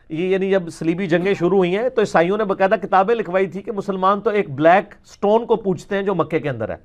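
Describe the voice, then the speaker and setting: A man with a high voice and a Pakistani Punjabi accent gives an informal religious lecture. He makes his case in colloquial speech, leaning on rhetorical questions and slipping in some English.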